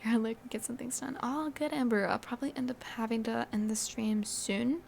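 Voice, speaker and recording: A young woman streamer from Alabama chatting casually over a game, giggling and slipping into half-whispers. Her voice is a touch high with a gravelly edge. Faint noise hums under the desk mic. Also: brisk, darkish tone. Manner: giggly, rambling, often whispering. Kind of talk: casual live-stream chat.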